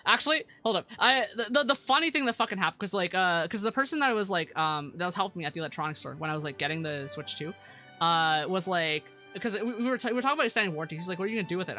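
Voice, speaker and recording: Female VTuber, cute anime-streamer delivery, bright tone, slangy stop-start rambling with repeated words, game music behind. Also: low-pitched. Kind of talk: casual livestream chat over a game, reading viewer comments.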